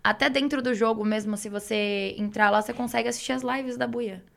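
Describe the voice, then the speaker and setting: A woman's voice: a little high, steady tone, a little fast, vocal fry. A young woman with a Brazilian Portuguese accent, chatting informally as a guest who streams games. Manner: informal, conversational. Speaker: guest, live game streamer. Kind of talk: casual chat.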